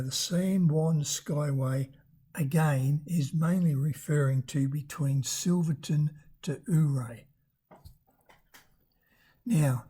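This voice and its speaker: Thin, squeaky, husky travel vlogger's voice, sex ambiguous. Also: mellow. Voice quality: thin, squeaky, husky voice from damaged vocal cords. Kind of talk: unscripted travel narration.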